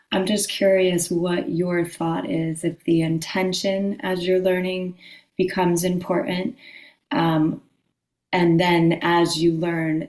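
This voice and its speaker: A woman's voice: fairly low pitch, darkish tone, echoey room, low-quality recording. A woman putting a thoughtful question to a spiritual teacher, hesitant and searching. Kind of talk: asking a question in conversation.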